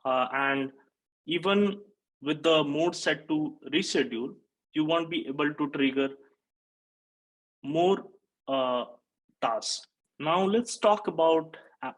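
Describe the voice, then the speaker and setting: The recording is low quality: a man in his thirties from Nepal, a software engineer, speaks at a conference via webcam in an indoor home or office room, framed like a video call. His slightly high, fairly bright voice explains technical material steadily, with many "uh" fillers.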